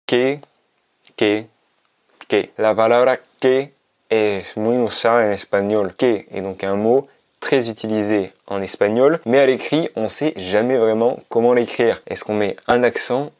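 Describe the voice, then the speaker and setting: A man with a fairly low voice teaches a language lesson. He explains each point clearly and patiently and says every example sentence twice, slowly. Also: darkish tone. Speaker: Spanish teacher. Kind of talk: scripted lesson to camera.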